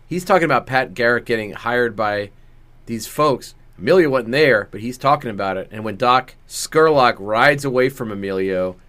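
A man's voice: mid-range voice, lively intonation, moderate pace, fairly bright tone. A man co-hosting a casual movie podcast, recapping scenes in a matter-of-fact way. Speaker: podcast co-host. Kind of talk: casual movie review chat.

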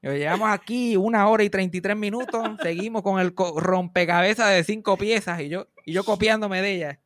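A man's voice: high-pitched, brisk, no room sound, studio quality. A man with a Puerto Rican accent telling funny family stories in casual chat, swearing freely. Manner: animated storyteller, swears casually, laughs often.

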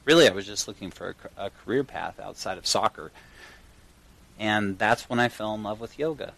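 Earnest, low-voiced man talking from a garage. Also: brisk, vocal fry, a bit bright. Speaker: podcast host and yoga teacher. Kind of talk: personal monologue to listeners. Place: in a garage, recording at a home studio setup.

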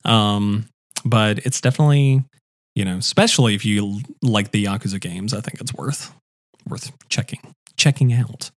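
A man's voice: on the low side, normal speed, no echo, clean studio sound. A young man co-hosting a casual podcast chat, rambling with lots of fillers and restarts. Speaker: podcast co-host.

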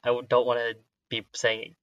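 A man's voice: medium pitch, monotone, normal speed, a bit bright, no room sound, lo-fi sound. A man hosting a podcast interview, asking curious, upbeat questions with frequent hesitations. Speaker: podcast host. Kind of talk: casual interview chat.

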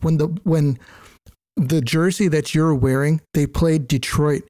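A man co-hosting a casual sports podcast who talks in a quick, loose way and drops swear words. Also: on the high side, fairly even intonation, warm tone, no room sound. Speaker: podcast co-host.

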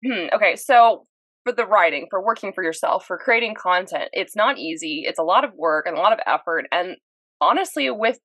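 A woman's voice: lowish voice, expressive, a little fast, a bit bright, no echo. A woman hosting a podcast, asking questions in an upbeat, chatty way. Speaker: podcast host. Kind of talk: casual interview chat.

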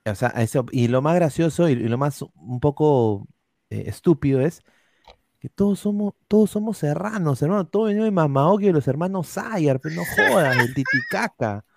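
A man's voice: a little high, lively intonation, normal speed, vocal fry. A man with a Peruvian accent hosts a casual podcast chat and rambles through his points with many restarts. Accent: Peruvian Spanish. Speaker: podcast host reading viewer comments.

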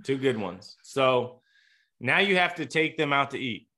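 A man's voice: medium pitch, animated, a little slow, sharp tone. A man hosting a casual interview podcast, laid-back and reassuring, often restarting his sentences. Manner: easygoing, reassuring, stumbles over words. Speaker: podcast host. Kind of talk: casual interview, reads a sponsor ad.

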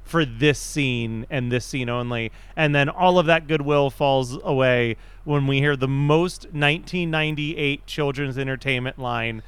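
A man co-hosting a casual movie podcast, talking quickly, laughing often and acting out quoted lines. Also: medium pitch, a bit bright, smooth, dry recording. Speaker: podcast co-host.

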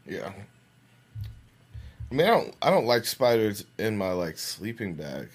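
A man's voice: fairly low pitch, big pitch swings, unhurried, slightly rough. A man co-hosting a podcast in casual banter, teasing and asking quizzical questions, often laughing. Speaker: podcast co-host.

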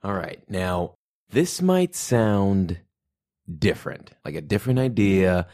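A man's voice: low voice, sing-song, takes it slowly, darkish tone. A man chatting casually as a player in a tabletop game.

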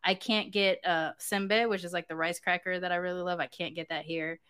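Bright-toned laughing woman host. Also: lowish voice, a little fast, clear, resonant tone. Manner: animated, laughs often. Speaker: podcast host. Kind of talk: casual interview chat.

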